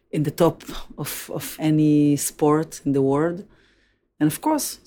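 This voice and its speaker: A woman's voice: low voice, dark tone. A woman in her fifties with an Israeli accent, a native Hebrew speaker, answering interview questions in English with many uh and you know fillers. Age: 50s. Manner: frequent fillers like uh and you know, plain direct phrasing. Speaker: interview guest, former Olympic athlete.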